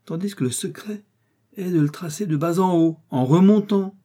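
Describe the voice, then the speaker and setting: A man's voice: high-pitched, normal speed, mellow, pitched above the performer's own voice. A man voicing a menacing master criminal who gloats over a captured detective, in an audiobook reading. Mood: gloating.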